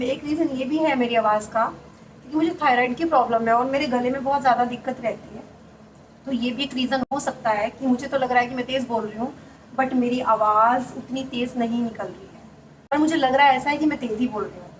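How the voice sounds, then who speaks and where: A soft-spoken woman in her thirties chats casually with her viewers, confiding and a little high in pitch. She sits well back from the mic in an echoey room. A steady hum of noise runs under her voice. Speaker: vlogger. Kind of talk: casual home vlog chat. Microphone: clip-on mic, often away from it. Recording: roomy, distant, noisy home recording. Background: machine running on the gas stove.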